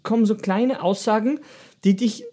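Husky Austrian-raised man, rambling podcast chat. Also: high voice, moderate pace, mellow. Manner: rambling, reflective, many restarts. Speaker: podcast co-host.

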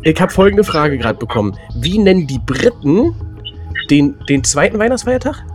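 A man's voice: a little high, very animated, moderate pace, faint music behind. A man co-hosting a casual podcast, thinking aloud as a quiz contestant, rambling with lots of fillers and laughter.

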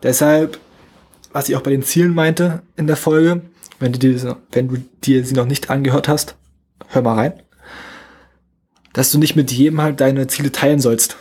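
A young man talks straight at his listeners in a motivational solo podcast, words tumbling out quickly and a little slurred. His voice carries a husky, slightly breathy edge at an average pitch. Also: steady tone, a little mellow. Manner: fast, slightly mumbled casual speech. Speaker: podcast host.

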